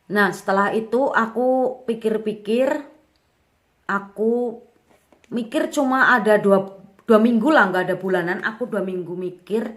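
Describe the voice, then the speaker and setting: A woman's voice: mid-range voice, a little slow, long pauses. Chatty young woman in her twenties. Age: 20s. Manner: chatty, candid, lots of fillers. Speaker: young mother vlogger. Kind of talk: casual personal storytelling.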